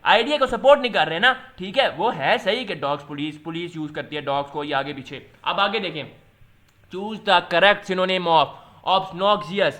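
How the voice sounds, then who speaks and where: A man with a Pakistani accent, explaining entry test questions as a tutor in a loose, chatty way, reading English questions out slowly. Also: high voice, a bit bright. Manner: switches to slow, deliberate pace when reading English questions; loose, chatty teaching with fillers.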